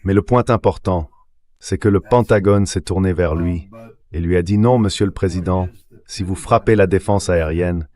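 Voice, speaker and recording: The speaker is a male political commentator being interviewed, delivered through a translated voice-over. His voice sits low with a dark tone and moderate pace, and he argues assertively and emphatically, often asking rhetorical questions.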